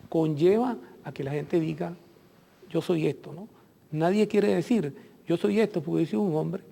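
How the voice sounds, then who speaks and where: A man's voice: fairly high pitch, creaky, warm tone. A middle-aged man from Venezuela, a consular guest on a TV interview, speaking earnestly in long reflective lists. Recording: long hall reverb.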